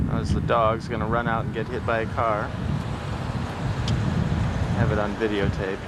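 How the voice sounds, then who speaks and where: A man's voice: mid-range voice, very noisy. A man casually narrating a home video of his town outdoors. He rambles wryly and mocks himself, heard through the built-in microphone of an old VHS camcorder tape. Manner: rambling and wry, with self-mocking asides. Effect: old VHS camcorder tape sound. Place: outdoors around town streets and a riverside.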